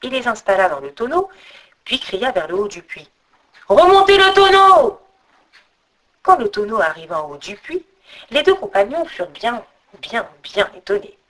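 A woman narrating a folk tale as a storyteller, reading a script in an expressive way. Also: medium pitch, normal speed, low-quality recording.

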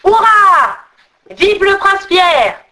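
A woman voicing a horde of male trolls, shouting and jeering in a storybook reading. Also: very high-pitched, sing-song, drawn-out words, voice pushed up, full character voice, low-quality recording. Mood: cheering.

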